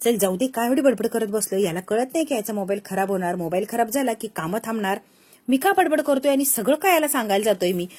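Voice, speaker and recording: An impatient young man who grumbles and nags at the others, as a woman narrator puts him on. The voice stays high, close to the storyteller's own. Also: lively intonation, quick pace, darkish tone, breathy edge. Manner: nagging, impatient.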